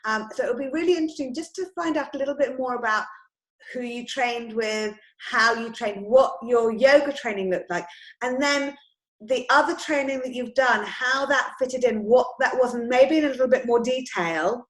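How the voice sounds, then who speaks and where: A woman interviewer with a slightly high voice puts gentle, measured questions to her guest. The recording carries a roomy echo. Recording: echoey room sound.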